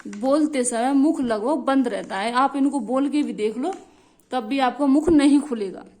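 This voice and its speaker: A woman's voice: high-pitched, measured pace, warm tone. A young woman teaching a lesson, repeating key phrases and checking in often with her students. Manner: repetitive, drilling phrases, frequent checks like "theek hai".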